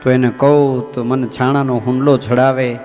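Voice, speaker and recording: A man's voice: mid-range voice, little pitch movement, moderate pace, a little mellow. A man, a swami giving a folksy storytelling sermon with asides to his listeners. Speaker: swami preacher. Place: temple hall. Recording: long temple-hall reverb, faint music.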